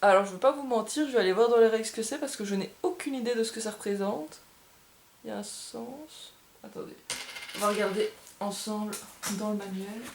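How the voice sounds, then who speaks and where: A woman's voice: medium pitch, fairly quick, background noise. A woman casually unboxing and presenting a board game, thinking aloud and gushing with delight over small details. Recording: echoey room.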